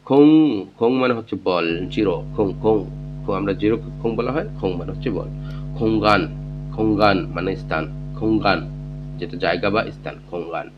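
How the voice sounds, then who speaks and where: A man teaching vocabulary, saying each word and repeating it slowly before he explains it. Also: on the low side, music in the background. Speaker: Korean language teacher. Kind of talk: vocabulary lesson. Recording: dull lo-fi audio with faint hum.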